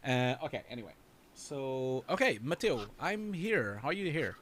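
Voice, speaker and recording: A man's voice: medium pitch, very animated, normal speed, fairly bright tone, slight background noise. A man hosting a live stream, chatting casually and rambling, laughing often. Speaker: host reviewing showreels. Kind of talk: casual livestream chat.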